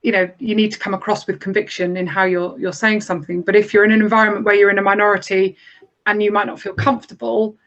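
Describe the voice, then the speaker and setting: A woman speaking on a panel discussion, earnest and animated, building on other points. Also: medium pitch, quick pace, dull audio.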